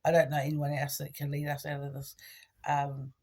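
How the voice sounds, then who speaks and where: A woman, trying out informal stand-up comedy in a halting, giggly, conversational way. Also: deep voice, monotone, darkish tone. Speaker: amateur comedian. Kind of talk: informal stand-up attempt for social media, casual rambling.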